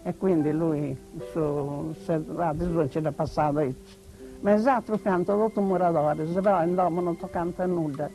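An older woman with a Sardinian accent gives a halting, plainspoken account of family life. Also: lowish voice, mellow, soft background music, poor audio. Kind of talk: personal testimony.

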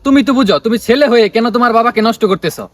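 A man's voice: extremely high pitch, racing. A man playing an earnest parody TV field reporter, speaking formally in a live report on a noisy track.

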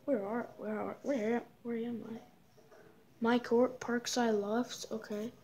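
A woman's voice: on the high side, flat delivery, slow pace, a little mellow, slight background noise. A woman giving casual let's-play commentary, rambling with lots of fillers in an easygoing way. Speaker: gamer.

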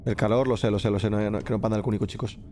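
A man doing live gameplay commentary, excitable, swearing and shouting at the game while talking to his chat. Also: lowish voice, racing, slight background noise. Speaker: streamer. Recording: game music behind the voice.

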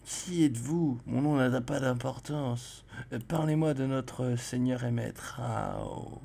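A man playing a video game and commenting as he goes, reading dialogue aloud and joking, with sudden loud exclamations. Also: mid-range voice, takes it slowly, vocal fry, slightly rough. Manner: chatty, jokey, exclaims loudly in surprise. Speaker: let's play host.

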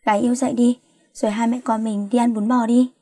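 A fussy, worried middle-aged mother who keeps nagging and scolding, as a woman reads her part. The voice sits fairly high and warm, and the recording is dry and close. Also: level tone, fast, no echo, natural voice.

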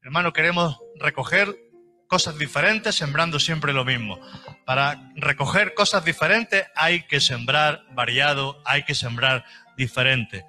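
Bright-voiced pastor preaching. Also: male voice, a little high, unhurried, faint music behind. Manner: emphatic and repetitive, with homely examples. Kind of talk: sermon.

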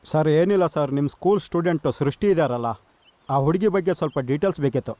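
A man's voice: fairly high pitch, animated, fast, dark tone, dry recording, lightly acted. A man acting a polite, inquisitive young police trainee asking about a student. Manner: polite, persistent.

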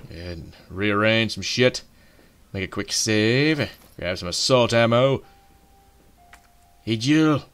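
A man's voice: lowish voice, animated, takes it slowly, long pauses, a bit bright, smooth. A man hosting a let's play, joking sarcastically and swearing at the game as he plays. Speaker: gaming channel host.

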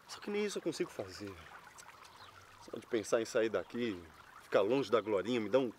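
A man's voice: on the low side, sing-song, a little fast, a little mellow, slight background noise. An actor with a Brazilian accent playing a lovesick, despondent young man in a telenovela, pleading with his friend. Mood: desperate, hurt. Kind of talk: telenovela acting. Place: outdoors beside a fountain. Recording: splashing fountain water behind voice.

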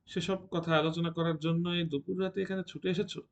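A man reading the part of a proud young woman who answers with sharp, scornful retorts. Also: a little high, level tone, brisk, gravelly, highs cut off. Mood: indignant.

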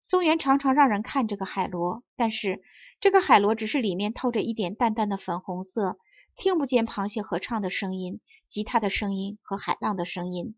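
A woman narrating a children's fairy tale in a soft, lilting storytelling voice. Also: medium pitch, fairly quick, no room sound, dull audio. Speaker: audiobook narrator.

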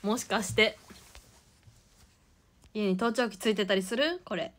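A woman's voice: mid-range voice, measured pace, a bit bright. A young woman hosting a casual idol livestream, giggly and chatty as she reads out viewer comments.

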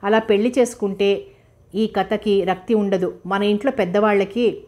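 A woman's voice: mid-range voice, steady tone, normal speed, a little mellow, lightly acted. A woman reading a teasing young suitor. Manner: teasing, persuasive. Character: playful scheming young man, suitor.

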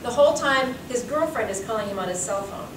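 Speaking fast and animatedly in a fairly high voice, a curator in her forties tells chatty anecdotes during a talk and laughs a lot. The lecture takes place before an audience in a seminar room, recorded from far off by a room mic, so it sounds echoey with a hiss behind it.

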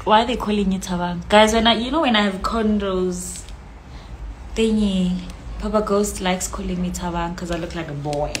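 Streaming live on a phone held at arm's length, a young South African woman chats casually from a small room and reads out viewer comments. She speaks at a moderate pace in a medium pitch, playful one moment and whispering the next. The recording is low quality, with a little hiss or hum.

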